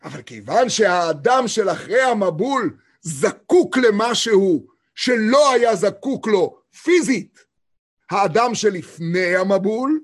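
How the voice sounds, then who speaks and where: A man giving a Torah lesson. He reads verses slowly and talks emphatically, asking rhetorical questions. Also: sits high, big pitch swings, husky. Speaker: Torah teacher.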